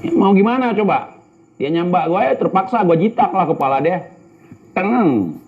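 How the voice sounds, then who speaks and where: Brash, mocking Indonesian man, high voice. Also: very animated, normal speed, muffled recording, a little hiss or hum. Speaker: YouTuber answering viewer comments. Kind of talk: casual banter reading comments.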